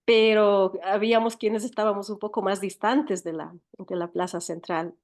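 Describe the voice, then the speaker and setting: A writer and teacher with an Ecuadorian accent tells her story reflectively as an interview guest, searching for words and repeating them. Her voice is medium-pitched and darkish, with fairly even intonation at a normal speed.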